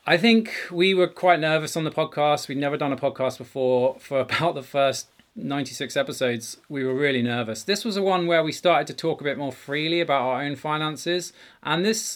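A middle-aged man hosting a conversational podcast from a home garage, speaking in an earnest, emphatic way. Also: medium pitch. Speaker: podcast host.

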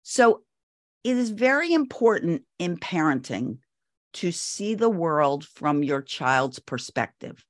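A woman's voice: on the low side, big pitch swings, takes it slowly, dry recording, studio quality. Firm older woman giving parenting advice. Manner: firm, instructive, repeats key points. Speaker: parenting expert guest. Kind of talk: advice interview.

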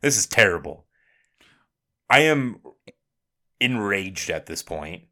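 Male podcast co-host, angry ranter, voice swings widely in pitch. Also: big pitch swings, takes it slowly, pushed and bright. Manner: heated ranting with swearing. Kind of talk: casual chat.

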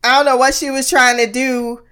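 A woman's voice: high-pitched, level tone, moderate pace, a bit bright. An American woman hosting a casual TV review podcast, candid and wry, sounding under the weather and heavily medicated. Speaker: podcast host.

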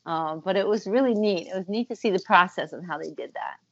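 A woman's voice: lowish voice, brisk, fairly bright tone, no echo, lo-fi sound. A woman, a musician and former voice actor, talking thoughtfully in a casual interview over a video call, with frequent ums and uhs.

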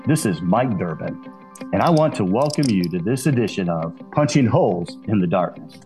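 A man's voice: on the low side, animated, normal speed, music in the background. A man hosting a podcast, giving earnest, friendly introductions and welcoming his guest. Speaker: podcast host.

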